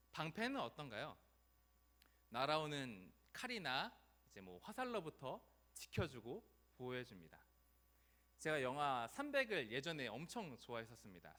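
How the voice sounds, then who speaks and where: A male pastor preaching a sermon in an animated storytelling way, acting out the voices of the people in it. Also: on the high side.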